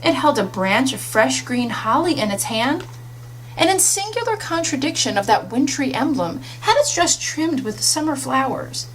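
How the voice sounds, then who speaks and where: A woman reading a classic literary story aloud as an audiobook, with expressive scripted narration. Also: high-pitched, normal speed, low-quality recording. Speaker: audiobook reader. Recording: audible hum and faint noise.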